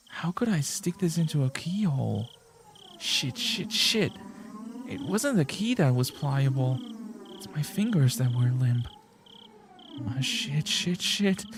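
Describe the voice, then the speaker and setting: A frantic teenage girl's racing inner voice, read out by a man in his own fairly high register. Tense and jittery, she keeps talking herself down from panic. It sounds like a visual novel read aloud. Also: mellow. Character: panicking teenage girl sneaking through a school.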